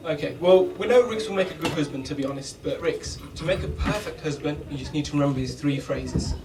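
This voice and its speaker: A man's voice: a little high, fairly quick. A British man giving an informal, bantering, laddish best man speech at a wedding reception. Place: wedding reception, speaking to guests. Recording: distant mic, loud crowd and noise.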